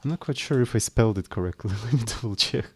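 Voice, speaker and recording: Fast and lively in intonation, this man's mid-range voice is a bit mellow and slightly rough. He chats casually on a coding live stream, explaining code in tentative, apologetic non-native English with frequent restarts.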